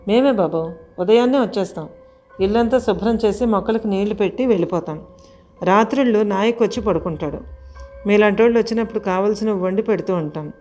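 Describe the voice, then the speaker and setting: A woman's voice: medium pitch, a little fast, a little mellow, soft background music, lightly acted. A woman voicing a deferential middle-aged male village servant who speaks humbly to his employers in an audio story. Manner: humble, pleading, calls master "babu".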